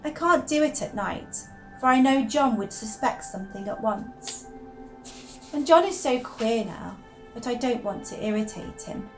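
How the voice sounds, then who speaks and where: A woman with a high-pitched voice performs a young wife unravelling, reading a first-person dramatic monologue in an animated but unhurried manner, intense and confiding as she alternates between hushed secrecy and obsessive, emphatic fascination. Her tone is secretive, like a diary confession. Faint music plays behind her, and the recording quality is low.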